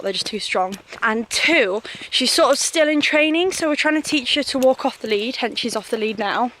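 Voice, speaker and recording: A woman's voice: on the high side, fairly bright tone, a little hiss or hum. A young woman in her twenties chatting casually to a handheld camera, rambling and correcting herself as she walks a path outdoors. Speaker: vlogger. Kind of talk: casual vlog chat. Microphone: handheld camera at arm's length.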